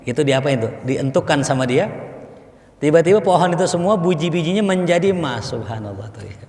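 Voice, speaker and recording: Higher-voiced male preacher in echoey hall. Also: expressive, brisk, darkish tone. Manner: conversational, asks the audience questions, storytelling. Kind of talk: mosque study sermon. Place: mosque.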